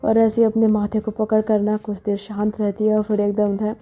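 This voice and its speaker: A woman's voice: medium pitch, completely flat delivery, normal speed, mellow. Woman narrating a story in a casual tone. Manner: conversational, with frequent filler 'na'.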